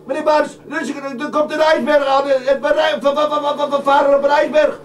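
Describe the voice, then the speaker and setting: A man voicing a panicky young male sailor and prankster who stammers and shouts frantically in a live puppet show. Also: extremely high pitch, lively intonation, slow pace, heavily acted. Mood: panicked. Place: museum room. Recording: echoey room, distant mic, noisy.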